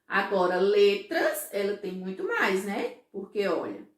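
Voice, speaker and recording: A woman teaching a first-grade class, explaining slowly and patiently, often checking that the children follow. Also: mid-range voice, sing-song, roomy sound. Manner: slow, patient, syllable-by-syllable explaining; frequent checking questions to pupils. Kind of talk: recorded remote class for children.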